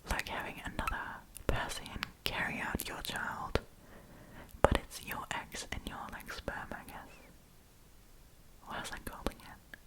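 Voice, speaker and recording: In a whispered ASMR storytime, a woman who speaks German as her first language talks with an Australian accent, using lots of "like" fillers and pausing to search for words. The audio quality is poor.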